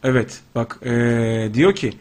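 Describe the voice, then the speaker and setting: A man's voice: medium pitch, takes it slowly, a little mellow. A man co-hosting a casual radio show, teasing crudely and laughing often.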